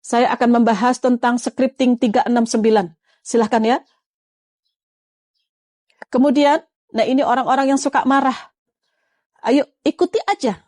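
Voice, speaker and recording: A woman preacher giving a lively, coaxing religious talk, speaking to her viewers as friends. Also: on the high side, normal speed, long pauses, no room sound, studio quality. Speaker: Islamic preacher. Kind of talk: live-streamed religious talk.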